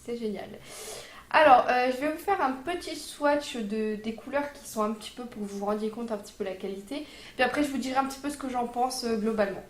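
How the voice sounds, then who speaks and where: A woman's voice: fairly high pitch, brisk, roomy sound. A woman vlogger reviewing makeup in a casual, chatty way, with lots of fillers and informal slang. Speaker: beauty vlogger.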